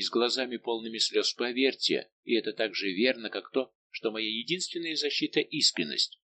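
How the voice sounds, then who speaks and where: A man's voice: mid-range voice, sharp tone, a little hiss or hum. A man voicing a tearful young French noblewoman who pleads with emotion in an audiobook. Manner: emotional, imploring. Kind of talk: audiobook dialogue reading.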